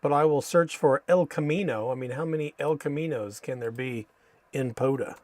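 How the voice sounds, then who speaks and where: An American man hosting a casual live stream, thinking aloud haltingly and saying Spanish names with an American accent. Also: mid-range voice, a little mellow, dry recording. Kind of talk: casual live stream commentary while reading maps.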